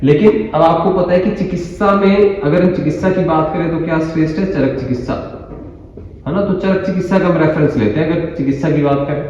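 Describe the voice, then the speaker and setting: A man lecturing students from a blackboard with a slightly high voice. He explains step by step and keeps asking rhetorical questions. He is heard from some distance in a very echoey room with a long reverb and a dull sound. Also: a little fast, darkish tone, slight background noise. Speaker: Ayurveda teacher. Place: classroom with a blackboard.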